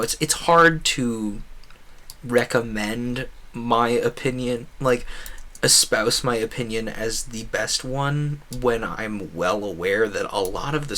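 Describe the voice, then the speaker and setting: This male livestreamer and video creator has a bright, forceful mid-range voice as he talks casually over his gameplay. His rambling is halting and self-correcting, with frequent trail-offs and rephrasings.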